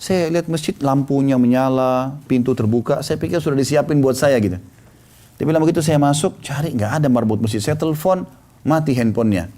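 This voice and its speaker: A middle-aged male preacher tells a story in a mellow, warm voice. He talks at a middling pitch and acts out the people in it, his voice rising and falling as he goes. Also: a little fast. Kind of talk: storytelling sermon.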